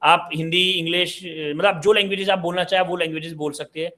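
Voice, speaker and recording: A man in his late twenties hosts a live online parenting session. His voice sits a little high for a man, and he reads out viewer questions before answering them in an easy, conversational way. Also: fairly even intonation, quick pace, pushed and bright. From Uttar Pradesh, India. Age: 20s.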